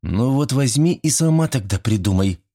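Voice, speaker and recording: A man reading an audiobook, voicing an eager, easily offended teenage schoolgirl who chatters excitedly and indignantly. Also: medium pitch, normal speed, pitched above the performer's own voice. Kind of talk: audiobook character voice.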